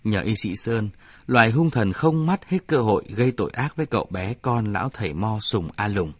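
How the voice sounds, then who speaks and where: A man reading a story aloud in a measured storytelling manner. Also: on the low side, animated, no echo. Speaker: narrator. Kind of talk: scripted story narration.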